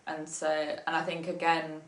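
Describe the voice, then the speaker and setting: A woman's voice: low-pitched, completely flat delivery, unhurried, a bit bright. Woman, young adult, English, casual interview guest, laughs a lot, echoey room. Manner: giggly, with many ums and likes.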